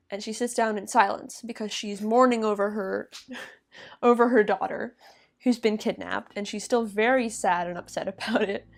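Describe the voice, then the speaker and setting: A young woman casually retelling a myth to a friend, chatty and laughing, with many fillers. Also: mid-range voice. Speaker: podcast co-host retelling a myth. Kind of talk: casual storytelling chat.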